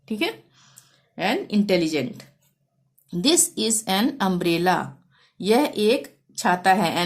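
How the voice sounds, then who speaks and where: A woman teaching English grammar, patiently repeating example words and sentences slowly for her pupils. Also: medium pitch. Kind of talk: explaining a grammar lesson.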